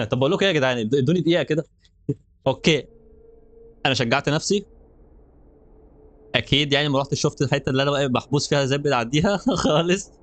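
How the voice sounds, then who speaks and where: A young gaming channel host with an Egyptian Arabic accent does let's play commentary on a horror game, jokey and nervous and laughing often. His voice is fairly high and very fast, broken up by long pauses.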